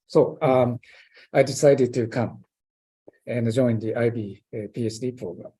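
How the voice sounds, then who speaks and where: A man's voice: medium pitch, measured pace, warm tone, husky. Hesitant Japanese-accented older man. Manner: hesitant, many fillers and restarts. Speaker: interviewed professor. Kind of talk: conversational interview.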